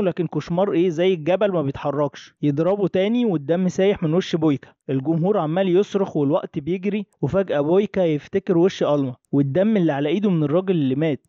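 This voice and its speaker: A man with an Egyptian accent narrating a film recap in casual storytelling style, briskly acting out the characters' lines. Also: sits high, warm tone, no echo, highs cut off. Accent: Egyptian Arabic. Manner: rapid colloquial retelling, acting out quotes lightly.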